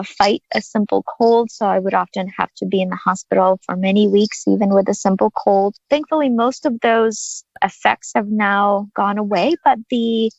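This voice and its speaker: A woman in her thirties from Ukraine speaks as a psychologist guest in a podcast interview. Her voice has a gravelly edge, and she tells her story earnestly. The sound is dry and a little dull and lo-fi. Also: medium pitch, darkish tone, dry recording.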